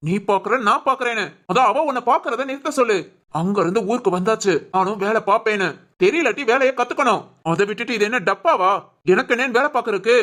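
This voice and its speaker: A woman playing an arrogant male office boss who berates his staff in a scornful, shouting way. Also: fairly high pitch, fast talker, lightly acted. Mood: scolding.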